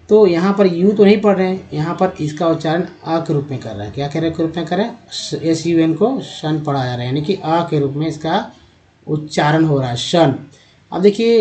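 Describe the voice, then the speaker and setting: Male phonics teacher, slightly high voice, patient question-and-answer delivery in Hindi. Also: darkish tone. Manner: explains slowly, asks questions and answers them himself; drags out words and syllables when sounding them out. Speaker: English teacher. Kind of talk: Hindi-medium phonics lesson.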